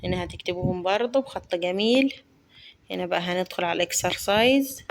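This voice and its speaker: A woman with an Egyptian Arabic accent teaching children English from a workbook. She moves quickly through Arabic explanations and slows down to model and spell English words. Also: on the low side, slight background noise. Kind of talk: workbook lesson walkthrough.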